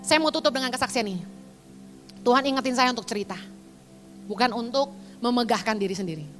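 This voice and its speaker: A woman with a bright, high voice preaches quickly, sharing a personal testimony in animated, dramatic bursts. The long reverb of a large hall surrounds her, and soft music plays faintly underneath.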